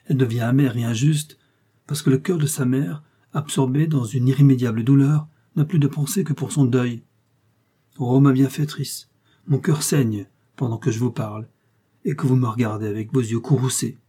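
A man's voice: medium pitch, normal speed, warm tone, slightly rough, natural voice. A man reading Marthe, an earnest pleading young woman. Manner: pleading, emotional. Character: earnest devoted young woman, humble and brave.

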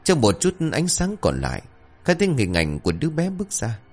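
A man narrating a ghost story with lively, expressive storytelling. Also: medium pitch, a little fast, husky. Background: faint music.

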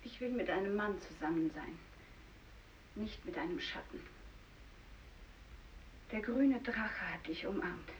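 In a German radio drama, an actress with a natural, medium-pitched voice plays a fearful young fisherman's wife rejecting her stricken husband. She speaks slowly and hushed, dropping into whispers, her mood cold and rejecting. The recording is dull and distant with hiss.

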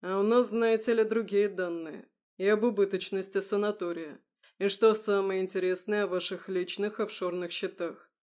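A woman voicing a composed male officer who speaks loudly, clearly and with cold politeness. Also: medium pitch, steady tone, moderate pace, lightly acted. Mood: cool. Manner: loud, clear and precise, coolly polite. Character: calm composed male security-service major.

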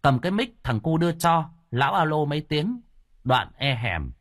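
A man narrating a comic village story in a lively, expressive way. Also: a little high, moderate pace, no echo, clean studio sound. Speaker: audiobook narrator.

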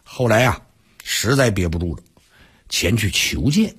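A man performing a traditional story for radio, lively and dramatic, with asides to listeners. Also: lowish voice, a little slow, slightly rough. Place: radio studio.

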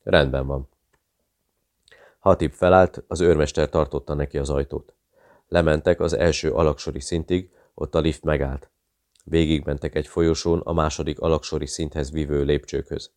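A man's voice: extremely low pitch, flat delivery, darkish tone, no room sound, studio quality. A man steadily narrating a thriller audiobook.

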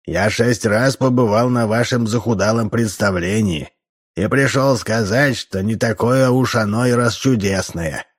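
A man's voice: fairly low pitch, unhurried, husky. A man voicing a drunk, boastful old troublemaker with a tipsy tenor voice. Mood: drunken bragging. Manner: slurred, boastful, belligerent.

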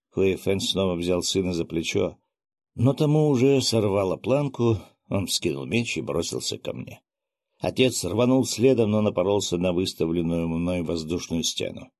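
A man narrating a fantasy audiobook in a measured, expressive way. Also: deep voice, no echo, studio quality.

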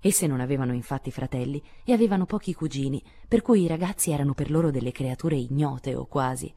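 A woman narrates a classic novel for an audiobook in a measured, expressive manner. Her voice is low-pitched and warm, with a dark, mellow tone. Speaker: audiobook reader.

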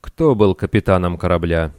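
A booming metallic bronze giant, as a man reading a story puts him on, slow and threatening. The voice sits very low and dark, but stays smooth and clear. It is recorded close and dry, with no room behind it. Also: no room sound, natural voice. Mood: questioning. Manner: slow, loud, threatening delivery. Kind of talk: audiobook narration with character voices.

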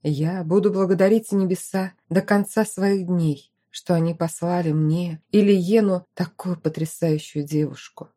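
A woman's voice: fairly low pitch, steady tone, unhurried, few pauses, dark tone. A woman reading a fond, dry-humored duke father.

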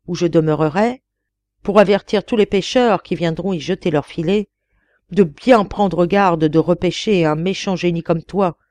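A woman's voice: lowish voice, dark tone, no room sound, close to an everyday voice. A woman reading the part of a wary fisherman who scorns and outwits a genie. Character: wary, defiant old fisherman.

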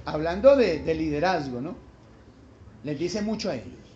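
A man's voice: a little high, lively intonation, moderate pace, a little mellow, slight background noise. A man preaching a sermon as pastor, emphatic and quizzing the congregation with rhetorical questions. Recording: dull live church recording with faint ambience.

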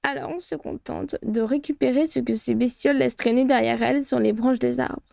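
A woman's voice: sits high, steady tone, fairly quick, creaky, darkish tone, no room sound, studio quality. A woman voicing a cunning, menacing female harpy clan leader in a storybook reading, speaking in clipped, hissing tones. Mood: blunt.

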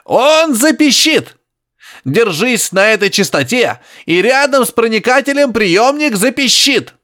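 A man voicing an excitable male professor who shouts urgently in a high, strained, grunting voice over a crackling radio. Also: a little slow, heavily acted. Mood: agitated.

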